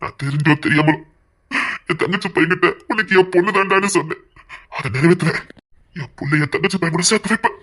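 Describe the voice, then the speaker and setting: A man with a Tirunelveli accent playing a grim, vengeful middle-aged father who speaks slowly and threateningly. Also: high voice, sharp tone. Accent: Tirunelveli Tamil. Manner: grim, threatening, slow and heavy. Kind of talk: comedy skit drama.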